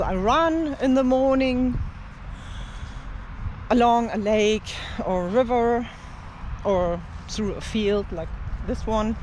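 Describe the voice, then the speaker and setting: This low-quality outdoor recording, made in an open field with slight background noise, captures a language teacher and travel vlogger, a native German speaker, chatting to camera. The medium-pitched, darkish voice ambles slowly and rambles, heavy on fillers and light laughter.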